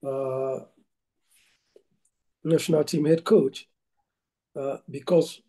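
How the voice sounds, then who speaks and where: A middle-aged man from Cameroon speaks on a video call from a room at home. His voice is fairly high and strikingly tense and forceful. He talks haltingly, with many "uh"s and restarts. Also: rough recording. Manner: hesitant, many fillers and restarts. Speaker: football coach. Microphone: video call laptop mic.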